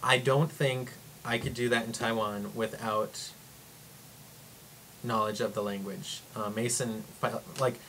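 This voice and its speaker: A young man telling travel stories in a casual vlog, rambling and excitable, full of "like" and acted-out quotes. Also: medium pitch, unhurried, slight background noise. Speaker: vlogger.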